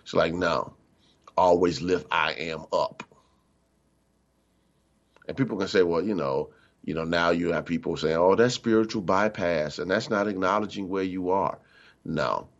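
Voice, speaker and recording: Middle-aged guy preaching like he's just chatting, really low voice, kinda muffled sound. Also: measured pace, long pauses. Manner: conversational, emphatic, acts out quoted voices. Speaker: minister. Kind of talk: spiritual teaching talk on radio.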